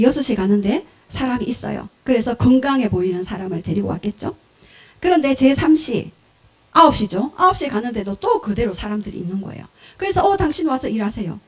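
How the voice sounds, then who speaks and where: A woman pastor preaching a sermon, telling parables in an animated way, acting out short voices and asking the congregation questions. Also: fairly high pitch.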